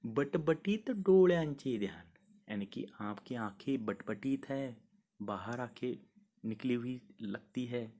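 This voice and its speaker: A male teacher walks students through a children's poem at a slow, unhurried pace. He chants each verse in a sing-song rhythm, then explains it plainly, switching between languages. His voice sits at an ordinary middle pitch. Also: steady tone, a little mellow. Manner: mixes Marathi explanation with Hindi repetition. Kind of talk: school poetry lesson, recited then explained.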